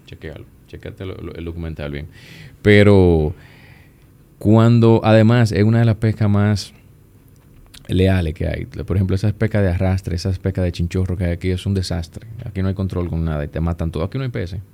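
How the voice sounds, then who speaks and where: A man with a Dominican accent, chatting as a guest and telling stories in a relaxed, easygoing way. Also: sits low, fairly quick, creaky. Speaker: guest, plastic surgeon. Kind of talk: casual conversation.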